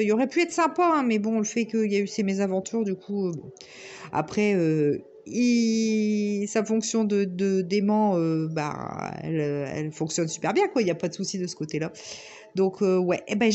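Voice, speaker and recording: A woman's voice: mid-range voice, darkish tone, dull audio. A woman from northern France with a Ch'ti accent, chatting casually to her viewers in a hesitant, rambling way full of fillers. She has a head cold and a sore throat, so her voice sounds stuffy, nasal and slightly hollow. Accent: northern French (Ch'ti). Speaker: crafting vlogger.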